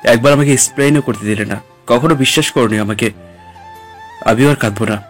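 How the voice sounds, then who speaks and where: A man plays a heartbroken young man in an audio drama, speaking at a medium pitch. He sounds anguished and mournful, with faint music playing behind him. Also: fast talker, natural voice. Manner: anguished, self-pitying.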